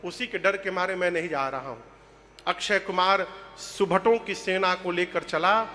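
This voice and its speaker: A man, telling devotional stories with jokes, animated and bursting into loud chants. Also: high voice, a little slow, faint music behind. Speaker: religious storyteller. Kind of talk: humorous devotional storytelling.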